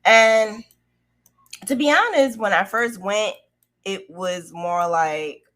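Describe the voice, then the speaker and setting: A middle-aged vlogger recounts her own story in a slow, medium-pitched, fairly bright voice. She is casual, candid and conversational, acting out the dialogue she remembers.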